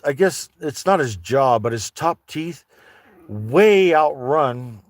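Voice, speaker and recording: A man's voice: mid-range voice, animated, takes it slowly, dry recording. A man vlogging from his vehicle on private land before dawn, rambling casually and swearing as he talks to his dogs. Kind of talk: casual chat while driving.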